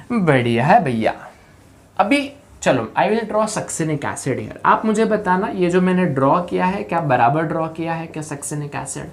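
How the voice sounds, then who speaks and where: A man giving a live online chemistry lecture. He keeps asking students questions and makes up joking memory tricks. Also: high-pitched. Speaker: chemistry teacher. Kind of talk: live online lecture mixing Hindi and English.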